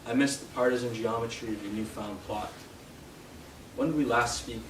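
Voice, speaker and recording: A young man from Canada giving a live poetry reading in a bookshop, hesitant with fillers between poems and steady in his verse. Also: mid-range voice, normal speed. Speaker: poet. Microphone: distant from the mic. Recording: roomy, distant, noisy live room sound.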